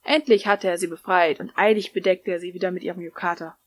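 A woman narrating a written story in an even, unhurried reading voice. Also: on the low side, no room sound. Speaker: story reader.

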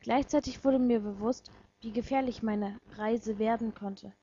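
A woman reading a first-person fan story aloud in a measured, quiet and reflective way. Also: fairly high pitch, steady tone, lo-fi sound, a little hiss or hum.

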